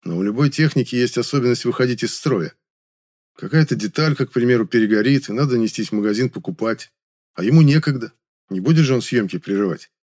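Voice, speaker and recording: A man's voice: medium pitch, animated, fast, darkish tone. A man narrating a first-person audiobook in a dry, wry storytelling manner.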